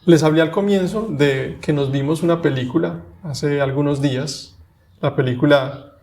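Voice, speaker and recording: Man, 30s, podcast co-host, measured and reflective, voice on the high side. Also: a little mellow. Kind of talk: casual conversation.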